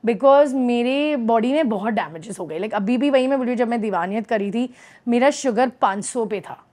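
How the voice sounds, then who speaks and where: A woman's voice: fairly high pitch, expressive, moderate pace, a little mellow. A woman in her thirties with an Indian accent, an actress chatting in an interview, bubbly and mixing Hindi with English. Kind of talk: casual interview chat.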